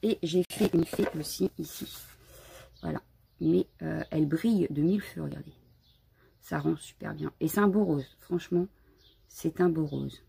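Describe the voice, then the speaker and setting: A woman hosts a relaxed live crafting stream from her home, chatting loosely and greeting viewers as she goes. Her voice is strongly gravelly and very husky, sitting a little low. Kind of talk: casual live unboxing chat.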